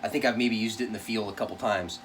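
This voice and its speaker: A man's voice: lowish voice, fairly even intonation, fast, a bit bright, far from the mic, slight background noise. Man casually reviewing gear, away from the mic. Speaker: product reviewer.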